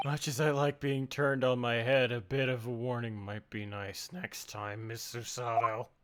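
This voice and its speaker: Woman doing a dry, polite young man, pitched down. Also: fairly even intonation, a little slow, a little hiss or hum. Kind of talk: amateur voice-over read of a visual novel game. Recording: music behind the voice.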